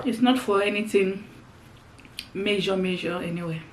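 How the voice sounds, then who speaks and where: A woman's voice: mid-range voice, moderate pace, poor audio. Woman chatting casually over background noise. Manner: conversational, repeats phrases as she explains. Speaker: mukbang vlogger. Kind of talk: casual chat to viewers while eating. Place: indoors, seated on the floor.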